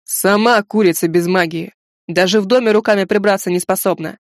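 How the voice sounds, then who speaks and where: A woman's voice: mid-range voice, steady tone, fairly quick, no echo, clean studio sound, lightly acted. A woman reading aloud, voicing a boastful, grumbling bearded wizard man of about fifty who speaks with sarcasm. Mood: scornful.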